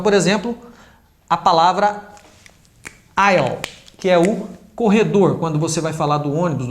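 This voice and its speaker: High-voiced Brazilian man teaching. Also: roomy sound. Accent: Brazilian Portuguese. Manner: explanatory, emphatic on stressed syllables. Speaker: English teacher. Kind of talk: explaining a teaching method.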